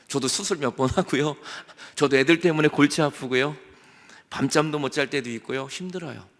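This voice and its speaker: Man preaching in a church, lively storytelling, kinda high voice, long hall echo. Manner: animated conversational storytelling. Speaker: pastor. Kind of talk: sermon. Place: church sanctuary.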